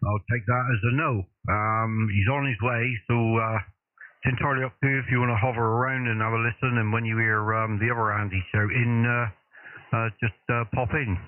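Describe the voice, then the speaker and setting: A man working as a radio operator over a crackly two-way radio, courteous and relaxed, giving call signs. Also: medium pitch, brisk. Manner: relaxed and courteous, saying sir often. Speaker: amateur radio operator on a live stream. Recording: crackly narrow-band radio with static noise.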